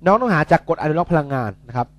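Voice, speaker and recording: A man's voice: on the high side, sing-song, racing, fairly bright tone, no echo. A young man tutoring physics in a casual, chatty way, joking and correcting himself as he works through problems.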